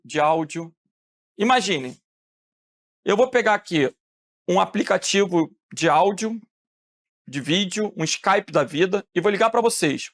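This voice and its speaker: A man from Rio de teaching a lively classroom lecture, asking the students questions and answering them himself. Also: sits high. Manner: animated, asks questions and answers them, acts out phone calls.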